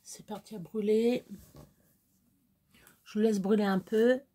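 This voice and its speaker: A woman's voice: mid-range voice, steady tone, takes it slowly, mellow, a little hiss or hum. A woman chatting casually and bluntly into her phone camera at home late at night. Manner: chatty and unfiltered, coos at her pets. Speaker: vlogger. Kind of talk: casual night-time vlog.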